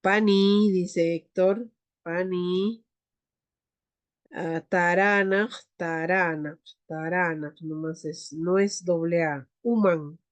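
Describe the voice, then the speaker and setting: A woman teaching an online class, leading slow pronunciation drills and calling on students. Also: on the low side, steady tone. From Peru. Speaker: Quechua teacher.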